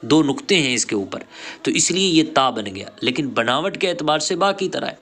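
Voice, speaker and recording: A man's voice: fairly high pitch, lively intonation, fairly bright tone, slight background noise. A man teaching a Quran reading lesson, patiently spelling out letter sounds one by one and encouraging his student to repeat them. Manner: encouraging, praises the learner. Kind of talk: recorded online lesson.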